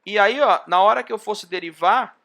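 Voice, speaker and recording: A man's voice: sits high, normal speed, vocal fry, bright, forceful tone. A man with a Brazilian accent teaching an online university class, working through an example step by step. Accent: Brazilian Portuguese. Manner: explains step by step, often pointing with "ó". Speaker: university lecturer.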